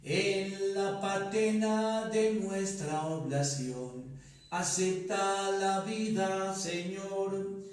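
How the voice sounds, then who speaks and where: A man, a priest, celebrating Mass, singing and reciting prayers in a slow, measured way, with a cathedral echo around his voice. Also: high voice, steady tone, soft background music. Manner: slow, measured liturgical delivery, partly sung. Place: large church. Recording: echoey church, voice from far off the mic.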